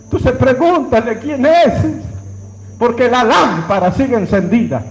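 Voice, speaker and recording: A man's voice: unhurried, a little hiss or hum, rough recording. A man preaching a sermon, dramatically acting out dialogue and calling on the congregation to repeat after him. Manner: dramatic, acts out dialogue with sudden pitch swings; addresses congregation directly, calls them to repeat.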